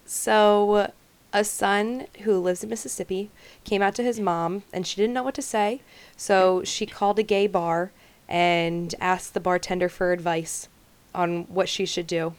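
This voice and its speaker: A woman's voice: medium pitch, fairly even intonation, unhurried, clear, resonant tone, no room sound. Giggly young woman co-hosting a podcast. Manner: giggly, chatty, lots of laughter. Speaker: podcast co-host. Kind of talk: casual chat.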